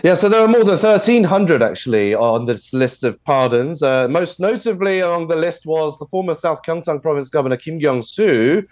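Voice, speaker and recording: Over a video call, a news commentator with a head cold gives a plain, measured explainer for a radio news discussion, his voice sitting on the high side, nasal and a bit husky. He keeps a steady, explanatory delivery but fills many pauses with "uh." The audio is dull, dry and muffled, with no echo.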